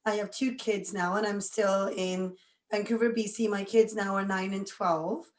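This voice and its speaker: A woman's voice: medium pitch, steady tone, moderate pace, roomy sound. A woman around forty from Scotland, a guest chatting with lots of energy and frequent laughs. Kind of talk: casual interview chat.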